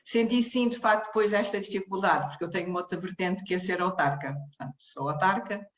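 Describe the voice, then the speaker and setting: A woman from Cape Verde, technical director of a social care charity, gives a personal testimony, hesitating, circling back, and restarting with fillers. Her mid-range voice runs a little fast and sounds muffled and dull inside an echoey room.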